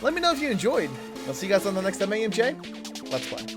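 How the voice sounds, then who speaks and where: A man with a hoarse voice and a cough, wrapping up a game video in casual chat. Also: high voice, rapid-fire, music in the background. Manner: excited, apologetic. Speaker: let's play gamer.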